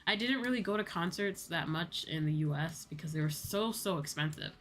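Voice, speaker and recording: Speaking fairly quickly in a lowish voice, a VTuber livestreamer rambles casually with her viewers, swearing here and there. Music plays in the background.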